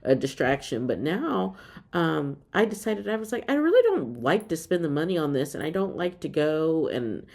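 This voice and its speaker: A woman's voice: low voice, big pitch swings, moderate pace, creaky, a little mellow. A woman about fifty chatting casually to her viewers as a vlogger, with frequent ums and an upbeat tone. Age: 50s. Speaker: reseller vlogger. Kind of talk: casual chat to camera.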